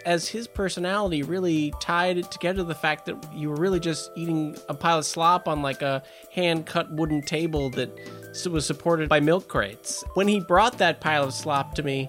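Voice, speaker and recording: A man telling an improvised comic review in a rambling, deadpan way. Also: on the high side. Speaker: comedy podcast performer, restaurant reviewer in sketch. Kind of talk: comedic improvised sketch.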